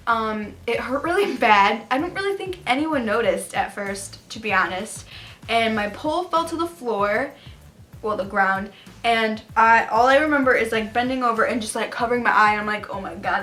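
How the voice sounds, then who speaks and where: Speaking in a pushed, bright voice on the high side, this young woman vlogs casual confessional stories to camera. Her delivery is chatty, gossipy, and emphatic as she recounts personal tales.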